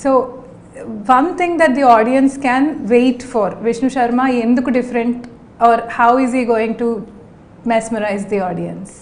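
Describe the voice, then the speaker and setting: Rapid woman interviewer with a Telugu Indian accent. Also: fairly high pitch, darkish tone. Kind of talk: conversational film interview, mixing English and Telugu.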